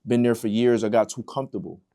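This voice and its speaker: A man's voice: medium pitch, fairly even intonation, quick pace, dark tone. A man hosting a casual interview, affirming and reflecting on his guest's story with lots of "you know" and "like.". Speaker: host.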